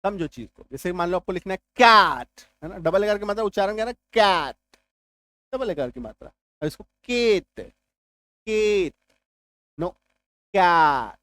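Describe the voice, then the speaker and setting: A man teaching a lesson patiently. He repeats points, drills sounds slowly and keeps checking whether listeners follow. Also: high voice, lively intonation, bright, forceful tone. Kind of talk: explanatory classroom-style lesson.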